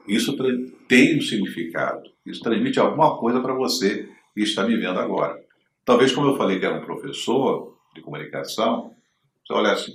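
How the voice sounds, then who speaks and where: Teaching communication straight to the camera, this man has a low-pitched, slightly bright voice in a reverberant space with slight background noise. He's didactic and keeps asking his audience brief check-in questions.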